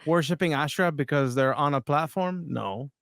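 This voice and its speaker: A man's voice: a little high, normal speed, vocal fry, fairly bright tone, no echo, clean studio sound. A man hosting a podcast, talking casually and a bit hesitantly as he comments on video clips. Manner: conversational, hesitant, with restarts. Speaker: podcast host.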